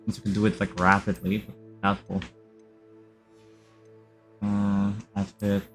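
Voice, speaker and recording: A man streaming a video game live, commenting casually in a relaxed, rambling way with many fillers. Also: lowish voice, measured pace, faint music behind.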